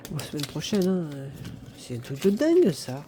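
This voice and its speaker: A woman's voice: fairly low pitch, huge pitch swings, a little slow, warm tone, slight background noise. A woman in her fifties from northern France, chatting to the camera and counting aloud as she does her budget, with a self-mocking manner. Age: 50s. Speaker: budget vlogger. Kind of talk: casual talk to camera while doing budget envelopes.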